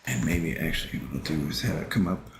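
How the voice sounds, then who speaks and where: A man's voice: extremely low pitch, quick pace. A man casually thinking aloud while he sketches, musing and hesitant as he talks to himself. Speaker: artist streaming a drawing session. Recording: roomy echo with faint noise.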